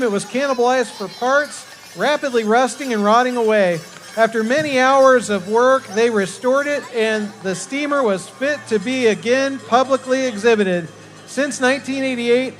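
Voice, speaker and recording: A man working as master of ceremonies, announcing a live parade in a folksy way to the crowd. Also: extremely high pitch.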